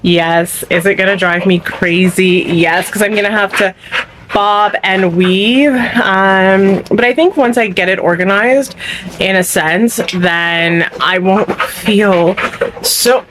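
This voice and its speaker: A woman's voice: medium pitch, a little slow, fairly bright tone, slight background noise. Chatty woman vlogging from home. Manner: chatty, rambling, talks to viewers directly. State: a little out of breath at times. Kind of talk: casual vlog chat. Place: at home in a cluttered bedroom.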